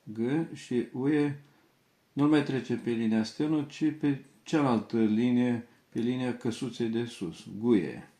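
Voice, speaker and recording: A man teaching a shorthand lesson, spelling out and repeating each syllable several times in a slow, dictating way. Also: mid-range voice, fairly even intonation, dark tone, roomy sound.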